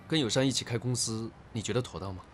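A man's voice: mid-range voice, quick pace, faint music behind, natural voice. An actor playing an earnest, cautious young man in a television drama. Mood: worried. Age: young adult.

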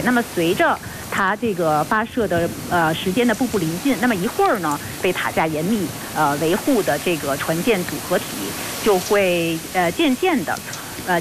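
A woman reporting live from outdoors as a news correspondent, speaking earnestly and formally with hesitant pauses as she improvises. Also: lowish voice. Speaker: field reporter for a radio broadcast. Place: outdoors at a launch site. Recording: noisy outdoor live feed with steady hiss.

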